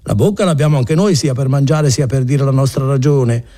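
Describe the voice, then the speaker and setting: A man's voice: medium pitch, fairly quick, warm tone, pitched above the performer's own voice, lightly acted. A man voicing a resentful tavern regular who complains about the city folk, in an audiobook reading. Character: grumbling male village tavern regular.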